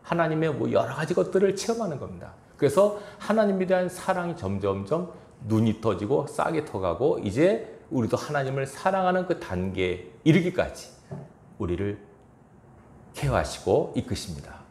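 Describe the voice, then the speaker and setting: A man's voice: mid-range voice, big pitch swings, moderate pace, a little mellow, reverberant. A man pastor preaching a sermon in a church, chuckling now and then and acting out quoted lines. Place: church sanctuary.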